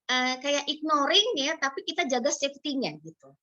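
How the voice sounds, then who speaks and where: Woman psychologist on a zoom call, kinda high voice, acts out the kids and parents, dull lo-fi call sound. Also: moderate pace, no echo. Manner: animated, acts out parents and children in quoted lines. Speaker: psychologist speaker. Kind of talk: explaining child psychology in an online talk. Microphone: video call. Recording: dull lo-fi video call audio.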